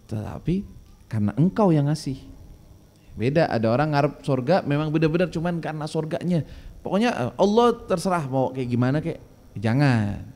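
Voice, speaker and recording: A man teaching a casual religious lesson. He reads Arabic lines slowly and then explains them, firing off lively rhetorical questions. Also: mid-range voice. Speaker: religious teacher leading a kitab study.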